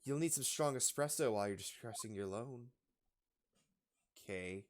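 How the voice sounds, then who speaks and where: A streamer voicing a quiet, gloomy young woman in a soft, low murmur while reading game dialogue. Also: animated, normal speed, background noise, natural voice. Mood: subdued.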